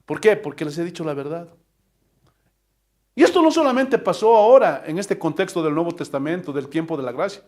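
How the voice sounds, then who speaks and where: A man's voice: on the high side, animated, a little fast, darkish tone. A man, a pastor delivering an impassioned sermon full of rhetorical questions. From Bolivia.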